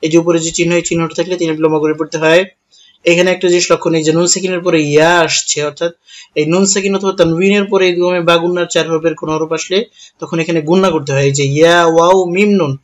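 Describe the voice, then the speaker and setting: A man with a Bangladeshi Bengali accent, teaching Quran recitation, spelling out each letter and vowel mark syllable by syllable. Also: a little high. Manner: spells each syllable slowly, then chants the verse in a drawn-out melody. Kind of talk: letter-by-letter tajweed instruction.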